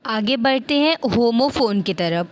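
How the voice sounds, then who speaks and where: A woman teaching a vocabulary lesson, explaining in Hindi and slowing right down to read English example sentences, often checking in with her listeners. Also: fairly high pitch, animated.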